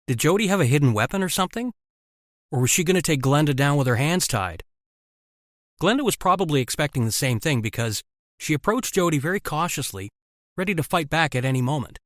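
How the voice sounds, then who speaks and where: A man narrating an animated story in the first person, in a wry, conversational way. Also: fairly high pitch, brisk, no room sound, clean studio sound.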